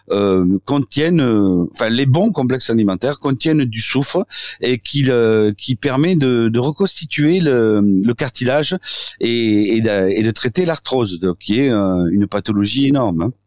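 A man's voice: medium pitch, animated, a little mellow, dry recording, studio quality. A man with a southwestern French accent, a doctor speaking as a guest in a radio interview, who often restarts while searching for his words. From southwest France. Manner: halting, many false starts while searching for words.

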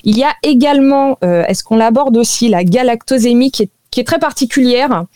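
A woman with a slightly high voice talks through nutrition research as a radio guest. She explains at length in a chatty, conversational way, pausing often on small fillers. The sound is dry and close, with no room around it. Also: animated, mellow, dry recording. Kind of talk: radio health talk.

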